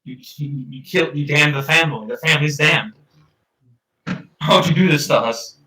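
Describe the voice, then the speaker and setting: A man's voice: fairly high pitch, moderate pace, pushed and bright, echoey room, far from the mic, pitched above the performer's own voice, poor audio. A man voicing the grieving parents of a child, pleading and anguished.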